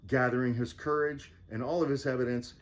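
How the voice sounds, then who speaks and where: A man's voice: medium pitch, fairly even intonation, fairly quick. Theatrical male fireside storyteller. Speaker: storybook reader. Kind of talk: fireside storytelling, reading a children's book aloud with asides.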